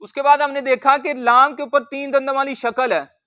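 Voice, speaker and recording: A man teaching Quran reading in a word-by-word tajweed lesson, patiently explaining rules and slowly sounding out letters and words. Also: very high-pitched, little pitch movement, sharp tone.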